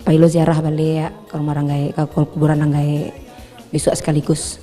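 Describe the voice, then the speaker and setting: Woman guest, Minangkabau accent, warm low voice, quick to laugh. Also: flat delivery, faint music behind. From West Sumatra. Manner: laughs easily, chatty. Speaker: guest singer. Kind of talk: casual interview chat.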